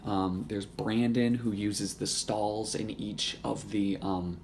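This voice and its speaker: Young male YouTuber, hoarse with little voice left, low-pitched, loose and profane, slight room hum behind. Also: flat delivery, slow. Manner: rambling, profane and joking. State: hoarse, voice nearly gone. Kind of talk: casual gaming chat to camera.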